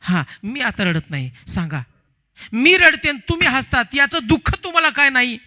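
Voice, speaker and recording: A woman's voice: high voice, big pitch swings, moderate pace, sharp tone, heavily acted. A man voicing a poor village wife who laments and scolds herself in a sobbing way. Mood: reproachful. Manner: sobbing, self-reproaching lament. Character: poor village wife wailing over lost gold.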